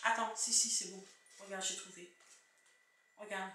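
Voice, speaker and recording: A woman's voice: mid-range voice, steady tone, normal speed, bright, forceful tone. Chatty Picard woman in an echoey room. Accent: Picard French. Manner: chatty, rambling, restarts sentences often. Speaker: vlogger. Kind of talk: casual shopping-haul chat. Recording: echoey room, distant mic, faint noise.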